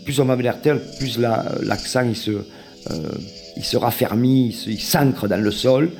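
A man's voice: mid-range voice, moderate pace, a little mellow. A man with a Marseille accent explaining, a bit hesitantly, how southern accents differ. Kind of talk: reflective interview testimony. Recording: music playing behind.

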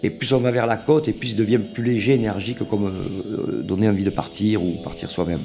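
A man's voice: fairly low pitch, steady tone, fairly quick, vocal fry, darkish tone. A man with a Marseille accent explaining, a bit hesitantly, how southern accents differ. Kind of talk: reflective interview testimony. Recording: music playing behind.

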